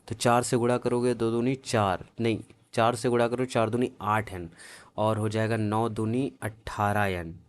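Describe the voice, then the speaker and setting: A man with a low, smooth, resonant voice leads an exam-prep math lesson. He works through each problem step by step in a casual, familiar way, often stopping to check that his students follow. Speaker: math tutor.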